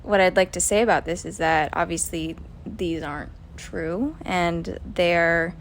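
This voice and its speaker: A woman's voice: fairly low pitch, a little slow, slight background noise. A woman in her twenties hosting a college podcast, talking casually with frequent ums as she explains. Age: 20s. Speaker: podcast host.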